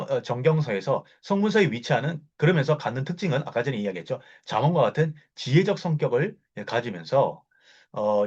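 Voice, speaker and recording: A man giving a Bible lecture, explaining at length and often pausing with fillers and correcting himself mid-word. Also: medium pitch, husky. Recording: dull lo-fi recording.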